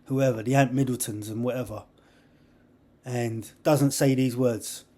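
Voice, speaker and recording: A young man, hosting a podcast in a rambling, excitable monologue full of slang and laughter. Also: medium pitch, measured pace. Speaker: podcast host. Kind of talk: casual monologue.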